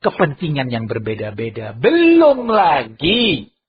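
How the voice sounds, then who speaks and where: A man preaching a sermon in Indonesian-accented speech, animated, often raising his voice sharply to act out quoted speakers. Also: slow, husky. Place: large mosque. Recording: muffled low-bitrate mosque recording.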